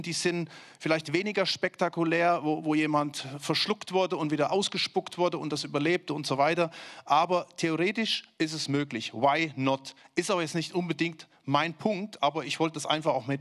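A man preaches in a loose, chatty way, his voice sitting somewhat high. He puts questions straight to his listeners and sinks low and slow when he wants a point to land. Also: fairly bright tone. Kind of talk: sermon.

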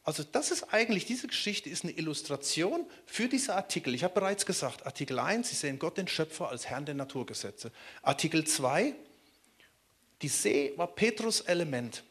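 A man from Germany preaching a sermon in a lively way, often turning to ask his listeners questions. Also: fairly high pitch, fairly quick, breathy edge. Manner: animated, asks the listeners questions.

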